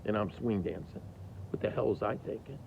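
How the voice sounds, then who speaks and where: A man in his fifties telling a candid personal story about his kids, animated, with big jumps in pitch. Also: brisk, gravelly. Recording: dull lo-fi recording with faint hiss.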